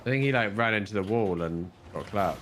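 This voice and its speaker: A man co-hosting a game stream with a stuffy nose, chatting casually and calling out plays in quick bursts. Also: on the low side, a little hiss or hum. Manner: animated, calls out plays in bursts. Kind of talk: casual gaming banter.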